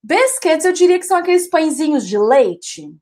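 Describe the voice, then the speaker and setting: A woman's voice: sits high, big pitch swings, moderate pace, darkish tone. A young woman with a Brazilian Portuguese accent teaching English vocabulary in a chatty live online class, repeating words for her students and answering the chat.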